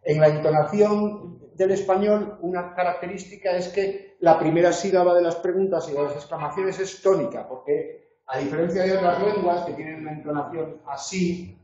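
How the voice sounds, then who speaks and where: A male university lecturer talks through his material briskly, tossing in quick checks to the class. His voice is mellow and sits a little high. The recording is dull and lo-fi, with a roomy classroom echo. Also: steady tone. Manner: brisk, explanatory, frequent tag questions.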